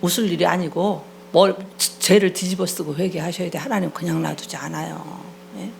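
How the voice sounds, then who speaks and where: A woman's voice: fairly low pitch, steady tone, normal speed, creaky, darkish tone, slight background noise. A middle-aged woman pastor preaching a sermon, scolding and prodding the congregation for replies. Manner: acts out quoted voices mid-sermon.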